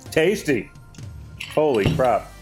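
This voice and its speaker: A man hosting his own chat show, talking earnestly and rambling with lots of fillers and restarts. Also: mid-range voice. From Greek heritage. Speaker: show host.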